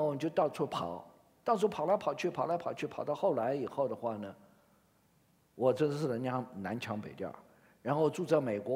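Older man preaching in a reverberant hall. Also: fairly high pitch. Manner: expressive, asks the audience questions. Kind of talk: sermon with scripture reading.

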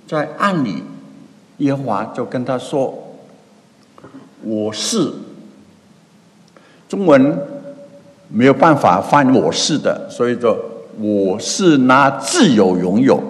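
A man preaching a sermon and explaining scripture, reading verses slowly and dramatically. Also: medium pitch, expressive. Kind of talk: sermon with Bible exposition. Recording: long hall reverb.

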